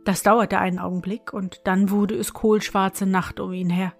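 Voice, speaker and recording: A woman reading a fairy tale aloud as narrator, in an even storytelling manner. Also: mid-range voice, moderate pace, vocal fry, soft background music.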